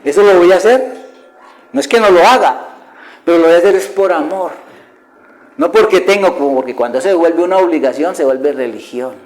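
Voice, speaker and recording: Male preacher, middle-aged, slightly high voice, fervent sermon delivery. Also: brisk, poor audio. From Colombia. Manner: passionate, swings from raised voice to near-whispers; asks rhetorical questions.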